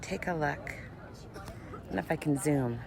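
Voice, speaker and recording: Woman vlogger, upbeat motivational delivery into a phone, outdoors, with clear traffic and ambient noise behind her. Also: deep voice, a little slow. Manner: upbeat, enthusiastic, laughs often. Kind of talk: motivational vlog while hiking. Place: outdoors on a mountain trail.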